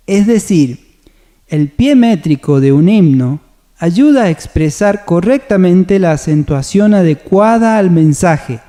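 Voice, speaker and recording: A man presenting a church music seminar, calmly explaining hymn meter in a measured, scripted way. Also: high voice. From Argentina. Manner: calm, measured explanation with sung hymn examples. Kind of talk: scripted teaching on radio.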